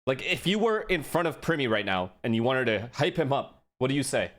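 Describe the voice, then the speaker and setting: A man streaming a live esports watch-along, excitable and profane, talking straight to his chat. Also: medium pitch, brisk.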